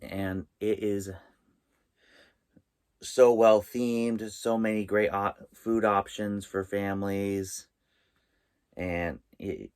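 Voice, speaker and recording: A man with a low voice hosts his own vlog inside a small trailer. He talks slowly and haltingly, often pausing partway through a sentence as he presents his list. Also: flat delivery, darkish tone, smooth. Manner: halting, with pauses mid-sentence. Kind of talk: vlog presenting, tips and top-five countdown.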